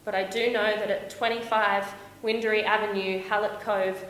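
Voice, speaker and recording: Playing a young Australian backpacker who is dreamy, lovestruck, heartbroken and homesick, this woman confides her story to an audience in a stage monologue, using dramatic pauses. Her bright, natural, mid-range voice carries a homesick, fragile mood. Faint noise and echo fill the roomy space.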